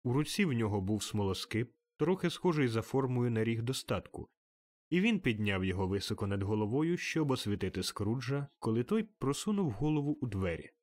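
A man giving expressive, measured audiobook narration of a classic tale. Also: mid-range voice, dry recording.

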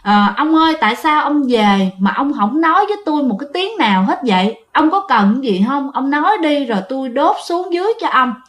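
A woman voicing an old widow gently pleading with her dead husband. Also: sits high, lively intonation, brisk, few pauses. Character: worried old widow in a dream. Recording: roomy echo.

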